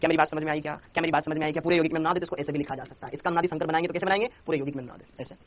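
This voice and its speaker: A man's voice: fairly high pitch, steady tone, rapid-fire, slight background noise. A young man teaching a chemistry lecture, repeating points and coaxing his students to answer. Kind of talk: Hindi classroom lecture.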